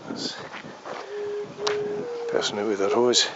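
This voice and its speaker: A man's voice: on the low side, little pitch movement, slow, lo-fi sound, noisy background. Chatty man vlogging on the road. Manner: musing, chatty, frequent ums and restarts. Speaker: travel vlogger. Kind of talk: casual travel vlog narration. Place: on the road and outdoors in a small town.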